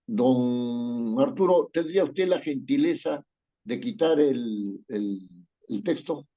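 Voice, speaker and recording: A man's voice: mid-range voice, animated, slow pace, dark tone, dull audio. A man teaching an online writing class. He reads a text aloud, dictates its punctuation and keeps checking in with "¿no es cierto?".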